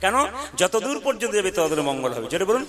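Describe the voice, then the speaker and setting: A man preaching and leading a devotional crowd in call-and-response chanting, coaxing them to chant louder. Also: high voice, sing-song, quick pace. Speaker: kirtan singer and preacher. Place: live devotional gathering with audience. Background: devotional music playing.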